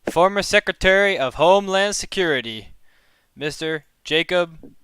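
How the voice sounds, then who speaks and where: A man's voice: high-pitched, lively intonation, moderate pace, a bit bright, smooth, dry recording. A man emceeing a talent show, giving grand, formal introductions to the performers. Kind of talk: showman-style stage announcing.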